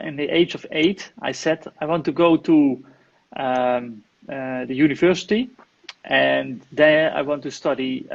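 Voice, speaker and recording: Over a video call, a Netherlands-born IT manager and property investor answers questions in English as a live online interview guest, with a Dutch accent and lots of fillers and restarts. His voice is medium-pitched and gravelly, and the sound is lo-fi.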